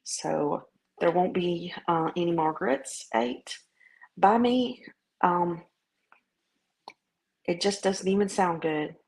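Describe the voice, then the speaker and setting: A woman from the southern United States with a Southern American accent, talking in a casual video diary in a folksy, halting, rambling way. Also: on the low side, vocal fry, a little mellow, low-quality recording. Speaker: vlogger.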